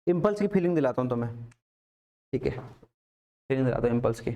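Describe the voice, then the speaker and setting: A man's voice: mid-range voice, expressive, a little fast, warm tone, muffled recording. A man teaching physics in a casual classroom lecture, repeating questions to his students.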